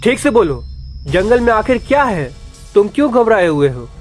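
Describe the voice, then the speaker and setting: A man's voice: high voice, lively intonation, unhurried, soft background music. A man voicing the oldest, wise village elder of a storybook tale, speaking firmly and demanding answers. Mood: stern. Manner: firm and questioning.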